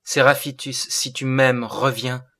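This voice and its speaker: A man's voice: medium pitch, steady tone, unhurried, a bit bright. A man reading the part of a fragile, devoted young woman in an audiobook, in a pleading, breathless way.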